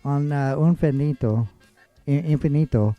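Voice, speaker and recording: A man's voice: a little high, normal speed, dry recording, muffled recording, soft background music. A man hosting a casual radio interview, talking loosely with lots of fillers. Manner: loose, filler-heavy talk. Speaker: radio show host.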